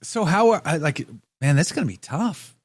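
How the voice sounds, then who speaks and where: A man's voice: fairly high pitch, expressive, moderate pace, breathy edge, dry recording, studio quality. A man hosting a radio show, chatting casually, reading out listener comments and joking at his own expense, with lots of restarts. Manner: rambling, self-deprecating, frequent restarts and fillers.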